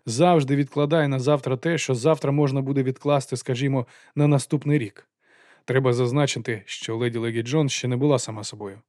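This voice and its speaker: A man narrating an audiobook in a calm, even reading voice. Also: mid-range voice, brisk, dry recording, clean studio sound.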